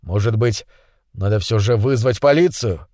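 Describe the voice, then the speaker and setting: A man's voice: fairly low pitch, moderate pace, warm tone, no echo, studio quality, voice pushed down, lightly acted. A man voicing an irritable, startled husband who exclaims indignantly. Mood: uneasy.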